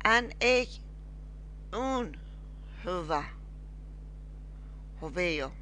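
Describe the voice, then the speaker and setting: A woman with as her teaching a beginners' lesson, halting and repeating words slowly. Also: on the low side, lively intonation, bright, forceful tone, a little hiss or hum. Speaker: language teacher. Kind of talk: slow screen-recorded lesson.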